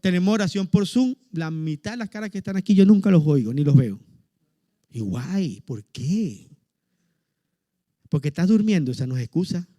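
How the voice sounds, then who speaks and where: High-voiced lively preaching pastor, man. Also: normal speed, long pauses, no room sound, studio quality. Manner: lively preaching with humorous asides, rising to fervent exhortation. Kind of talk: sermon.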